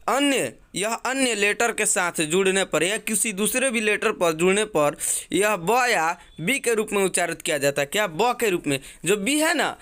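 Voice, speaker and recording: A man's voice: sits high, fairly bright tone. A man teaching an English phonics lesson, repeating points and asking the viewer questions. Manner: slow, drawn-out letter-by-letter spelling.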